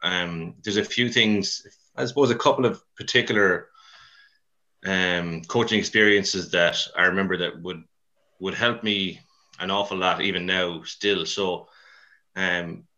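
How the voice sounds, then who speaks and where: A man's voice: sits low, steady tone, measured pace, pushed and bright, highs cut off. A man with a west of Ireland accent chatting casually in an interview, rambling and colloquial, with a self-deprecating touch. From Mayo and Dublin, Ireland. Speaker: CrossFit coach, podcast guest.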